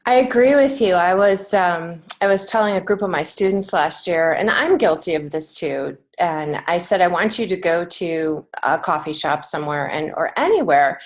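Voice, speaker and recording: This American children's author and creative writing teacher talks at a moderate pace with hardly any pauses, her voice lowish. As a podcast guest in a conversational interview, she explains things earnestly.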